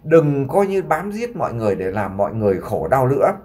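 A man voicing a gravely ill young son who earnestly pleads to make amends before he dies. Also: mid-range voice, lively intonation, brisk, darkish tone, close to an everyday voice. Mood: pleading.

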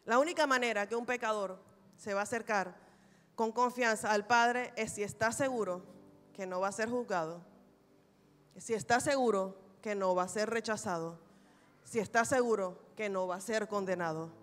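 A woman pastor preaching a sermon, telling a personal testimony in an animated, humorous way. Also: medium pitch, moderate pace. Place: large church hall. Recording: reverberant church hall recording.

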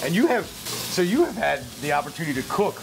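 A man's voice: a little high, big pitch swings, fairly quick, gravelly. A man in his thirties hosting a cooking show in a restaurant kitchen, talking in an upbeat, effusive way on a lapel mic. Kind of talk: enthusiastic cooking chat. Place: restaurant kitchen with sizzling pans. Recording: kitchen noise and frying sizzle.

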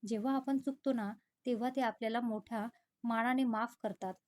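A woman voicing a patient, forgiving young wife who speaks softly and coaxingly. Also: on the high side, fairly even intonation, moderate pace, close to an everyday voice.

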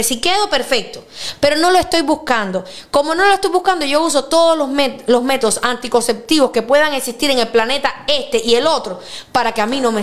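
A woman in her thirties with a high voice talks casually as a podcast host. She tells personal stories with energy and jumps up in pitch when she acts out what people said. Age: 30s. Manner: lively storyteller, acts out quotes with big pitch jumps. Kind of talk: casual chat.

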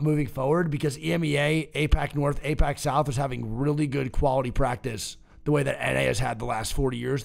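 Gravelly-voiced man streaming match commentary. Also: mid-range voice. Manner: excitable, swears casually, laughs often. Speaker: streamer co-watching esports. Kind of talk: casual live commentary.

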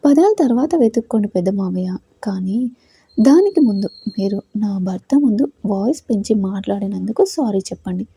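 A bold young wife from an audio story, firm and commanding, putting an elder in his place. Her voice is dark and husky, as the woman narrating gives her lines, recorded close and dry. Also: medium pitch, lively intonation, normal speed, no room sound. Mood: stern.

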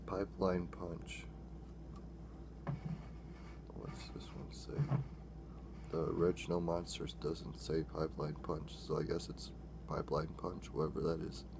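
With a gravelly bass voice, a measured pace and frequent pauses, a young drink-mixing vlogger tries his creations on camera. The background is noisy and the room small and dim; he rambles, keeps correcting himself, and grows excitable when tasting.

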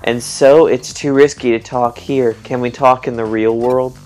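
A man voicing a secretive young country girl detective in his own plain voice, talking low and conspiratorially. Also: fairly even intonation, a little slow, a little mellow, soft background music, natural voice. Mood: hushed.

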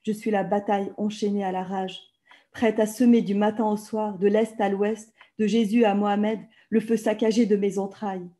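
Woman reading poetry with a dark, mellow voice. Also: medium pitch, little pitch movement, moderate pace. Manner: intense, rhythmic incantatory delivery. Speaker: author reading her work. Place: home room with bookshelves. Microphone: video call laptop mic.

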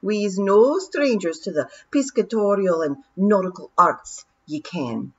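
A woman voicing a bold male pixie chieftain with a gruff Scottish accent and a blustery, commanding manner. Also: mid-range voice, expressive, a little slow, muffled recording. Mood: boisterous.

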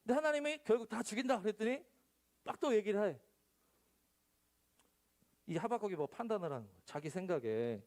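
A male youth pastor in his thirties giving a casual sermon to high school students. He talks in a chatty, animated way and acts out the dialogues he tells. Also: fairly quick, long pauses. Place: church.

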